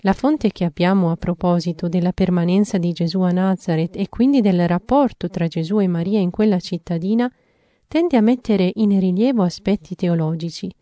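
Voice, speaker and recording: Low, mellow-voiced woman reading devotionally. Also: moderate pace, no room sound. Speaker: reader of a theological text.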